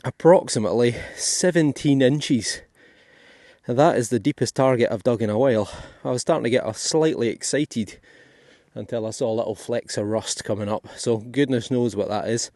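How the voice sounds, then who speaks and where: A man's voice: medium pitch, moderate pace, darkish tone, no echo, clean studio sound. A Scottish man giving chatty, thinking-aloud commentary as he digs finds in a field for his metal detecting vlog. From Scotland. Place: outdoors in a field.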